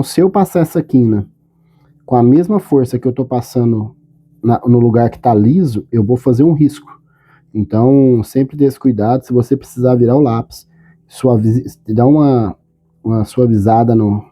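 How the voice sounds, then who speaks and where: Calm drawing teacher, man. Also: mid-range voice. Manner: calm, patient, often checks in with "tá?" and "ok?". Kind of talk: step-by-step drawing tutorial.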